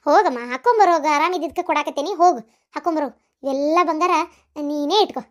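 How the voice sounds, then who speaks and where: A woman voicing a kindly older mother-in-law possessed by a spirit, speaking softly and coaxingly with a North Karnataka accent. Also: sits high, fairly quick, lightly acted. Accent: North Karnataka Kannada.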